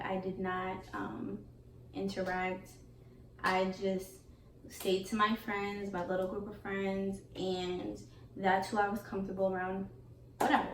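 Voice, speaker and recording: A woman's voice: mid-range voice, recorded from a distance. A young woman tells a casual storytime to her viewers, chatty, candid and full of slang. Her voice sits back from the microphone in a room with a noticeable echo. A faint hiss runs underneath. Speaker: beauty vlogger.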